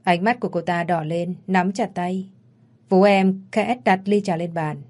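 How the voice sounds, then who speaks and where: A woman narrating a dramatic story in a steady storytelling voice. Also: lowish voice, unhurried.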